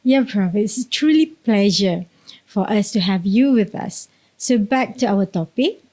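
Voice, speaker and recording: A woman's voice: mid-range voice, animated, a little slow, a little mellow. A woman hosting a university podcast interview, asking rhetorical questions in a polite, formal way. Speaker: podcast host.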